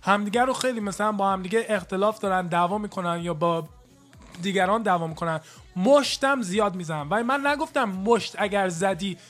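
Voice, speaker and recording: Male call-in host, American-tinged accent, high and playful. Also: animated, faint music behind. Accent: American-tinged Persian. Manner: jokey, loud greetings, banters with callers. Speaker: radio host. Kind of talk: call-in radio chat.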